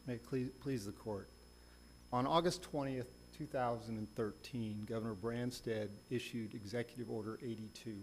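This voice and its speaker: A man with a mid-pitched voice presents a formal legal argument as a lawyer in a courtroom. A faint hum sits behind him. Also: fairly even intonation, normal speed, low-quality recording. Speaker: lawyer arguing an appeal. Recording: faint hum and background noise.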